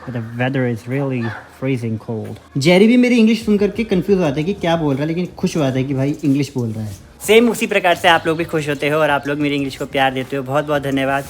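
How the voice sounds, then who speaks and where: A man's voice: fairly high pitch, very fast, hardly any pauses. Chatty young vlogger man from Uttarakhand. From Uttarakhand, India. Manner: chatty and easygoing, thinking aloud. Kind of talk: casual walking vlog. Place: outdoors on a road, walking.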